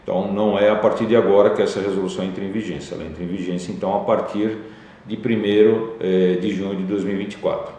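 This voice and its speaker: A man's voice: sits low, fairly even intonation, quick pace, warm tone. A man with a Brazilian Portuguese accent, a company executive explaining regulations methodically, step by step. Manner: methodical, explains legal text step by step with fillers. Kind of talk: explanatory talk. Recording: very echoey room.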